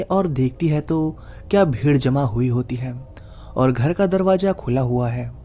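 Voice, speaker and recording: Mellow male horror storyteller. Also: mid-range voice. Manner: suspenseful, dramatic storytelling. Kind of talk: dramatic horror story narration.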